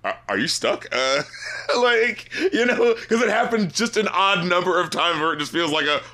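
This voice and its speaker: A man co-hosting an album review podcast in casual chat, animated and quizzical, nitpicking word choices and laughing often. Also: high-pitched, moderate pace.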